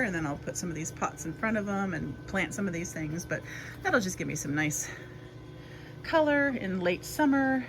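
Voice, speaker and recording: In a lowish voice, a woman who vlogs about gardening talks casually as she tends her garden outdoors, meandering with frequent fillers. There's a lot of background noise.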